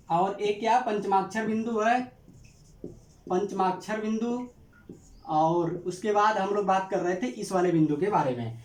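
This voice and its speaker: A man's voice: sits high, roomy sound. A man teaching a grammar lesson, asking questions and answering them himself, stretching out key terms as he repeats them. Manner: drawn-out emphatic repetition of terms.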